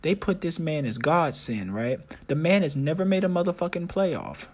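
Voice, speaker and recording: A man's voice: fairly high pitch, moderate pace. Man, podcast host, casual sports rant, hyped and swearing, voice leaps up and down. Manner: excitable, profane, repeats himself.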